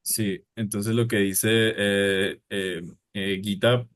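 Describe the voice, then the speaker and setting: A man from Spain co-teaching a live online Spanish lesson, talking quickly and chattily, mixing English and Spanish as he explains. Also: fairly low pitch, little pitch movement.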